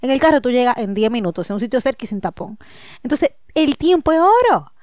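A woman co-hosting a podcast in casual chat, animated and emphatic, laughing often. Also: a little high, a little fast, no room sound, clean studio sound. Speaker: podcast co-host.

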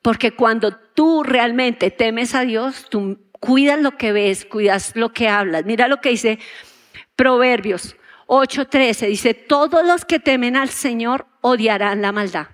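A woman's voice: a little high, slow pace. A woman preaching a sermon to a congregation, asking them questions and acting out the prayers she quotes. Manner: asks the audience questions and acts out quoted prayers. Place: church auditorium. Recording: long hall reverb.

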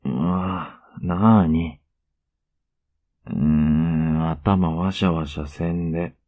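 A man playing a tender, teasing, clingy younger boyfriend in an ASMR role-play, murmuring softly and intimately. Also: very deep voice, steady tone, extremely slow, phone-quality sound, heavily acted. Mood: pouty, affectionate. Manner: soft, intimate, coaxing murmur.

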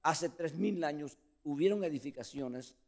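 A man preaching a sermon as pastor, calling listeners brother and acting out the scripture scene. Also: moderate pace. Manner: preaching with lively pitch swings, addressing listeners as brother.

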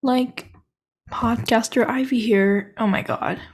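A woman's voice: a little high, fairly even intonation, takes it slowly. A young woman hosting her own podcast, chatting in a scattered, self-deprecating, giggly way into a microphone. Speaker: podcast host. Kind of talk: rambling solo podcast chat.

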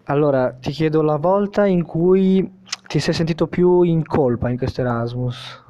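Young male podcast interviewer, slightly high voice, teasing, casual, dull recording. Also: normal speed, warm tone. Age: young adult. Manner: teasing, informal. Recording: dull lo-fi sound.

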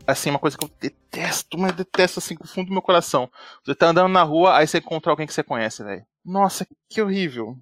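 A man's voice: fairly high pitch, rapid-fire, dry recording, clean studio sound, soft background music. A man co-hosting a podcast in casual chat, rambling with many fillers and restarts and acting out quoted dialogue. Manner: rambling, peppers speech with "né" and "tipo", restarts often; animated, acts out quoted dialogue. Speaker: podcast co-host.

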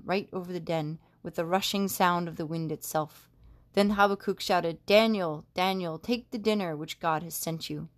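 Female scripture reader, somewhat low voice, even measured delivery. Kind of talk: reading scripture aloud.

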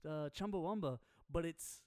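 Guy in his 30s chatting on radio, kinda high voice, dry close sound, rambly animated stories. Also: normal speed, smooth, dry recording. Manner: animated storyteller, acts out sounds and quotes. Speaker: radio co-host. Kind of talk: casual chat, rambling anecdotes.

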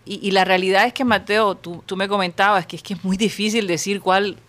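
A woman from Colombia hosting an entertainment talk show, expressive and exclamatory, given to dramatic sighs. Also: medium pitch, brisk. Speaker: show host.

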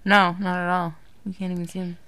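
Young woman, slightly low voice, teasing, laughs a lot, casual podcast chat. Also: flat delivery, brisk, pushed and bright, clean tone, no echo. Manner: playful, teasing, laughs easily. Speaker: podcast co-host.

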